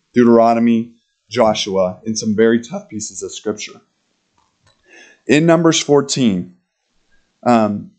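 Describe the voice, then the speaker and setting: A male pastor preaching a sermon in a conversational, animated way, acting out quoted lines and laughing between points. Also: medium pitch. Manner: animated, acts out quotes in character voices.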